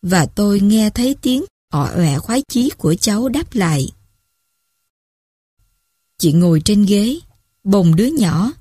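A woman narrates a story in a calm, measured reading voice. Her pitch sits in the middle, and the recording is dry and close. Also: breathy edge, no echo. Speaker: story reader.

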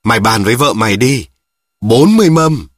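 Guy reading a rough old cart driver, blunt and crude, slow gruff husky voice, dry sound. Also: mid-range voice, expressive, no echo, lightly acted.

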